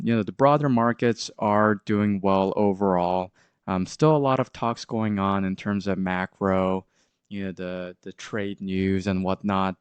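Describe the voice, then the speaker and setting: With a lowish, smooth voice recorded without any room sound, a man runs his crypto channel despite a sore throat and congestion. He walks through market charts casually, hesitating with fillers and often restarting.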